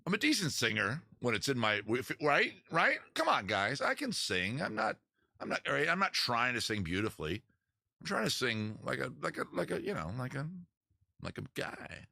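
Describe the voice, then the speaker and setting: Between songs on his live-streamed beer-and-songs broadcast, a man who sings and plays guitar rambles, mocks himself, and chats with viewers from a small outdoor rain tent. His medium-pitched voice swoops wildly, with vocal fry and a pushed, bright delivery at a moderate pace. Captured on a live-stream mic, the sound is dry and clean like a studio, with guitar in the background.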